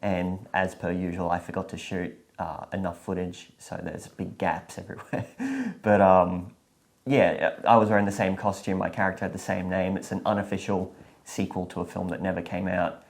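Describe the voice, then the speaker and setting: A man with a very deep voice co-hosts a casual chat. He explains things in a plain, matter-of-fact way. His delivery is easygoing and unhurried. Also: gravelly. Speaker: filmmaker and co-host.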